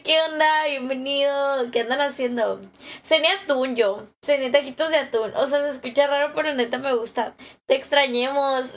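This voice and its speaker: A woman's voice: sits high, fairly bright tone. A young woman with a Mexican accent chatting casually on a live stream from home, greeting viewers by name and laughing easily into a phone camera held close.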